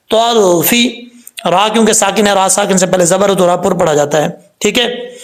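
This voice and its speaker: A middle-aged man with a high-sitting voice teaches Quran recitation step by step, explaining each sound and correcting mistakes by repeating the right pronunciation several times.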